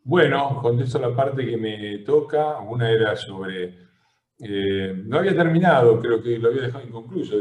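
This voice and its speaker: Combative Argentine man, low and roomy. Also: a little mellow. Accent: Argentine Spanish. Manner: combative, emphatic, frequent hesitations. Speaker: host and legislator. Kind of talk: political talk show discussion. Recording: roomy echo.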